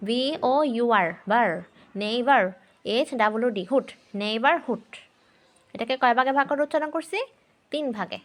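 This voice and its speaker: During a grammar lesson, a female teacher slowly reads English sentences aloud and then explains them, spelling words letter by letter and answering her own questions. Her voice is a little high.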